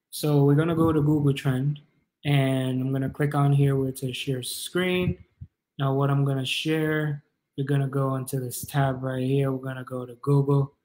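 The recording is rough, and the man's voice is a little high and slightly mellow. In his thirties with a Jamaican accent, he's an online business coach hosting a livestream tutorial indoors at home, casual, encouraging and rambling.

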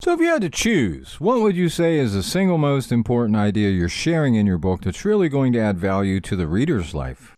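A male host runs an interview with a very lively, swinging pitch and an upbeat manner. His voice is dry and close to the mic. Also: brisk, few pauses, no room sound. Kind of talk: radio-style interview.

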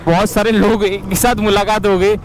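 A man's voice: sits high, level tone, normal speed, rough recording. A man riding a motorbike, vlogging as he chats with locals on a city street and urges viewers to subscribe. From India. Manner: chatty, upbeat, keeps urging viewers to subscribe. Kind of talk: casual vlog chat.

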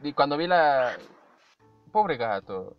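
A man's voice: mid-range voice, lively intonation, slow. A young Mexican man reacting to videos in casual, playful chat, humming and mimicking tunes as he goes. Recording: dull lo-fi audio with faint music.

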